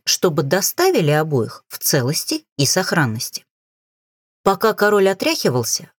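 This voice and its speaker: A woman narrating a fantasy audiobook in first person, with expressive storytelling on a close mic. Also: on the low side, dry recording. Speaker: audiobook reader.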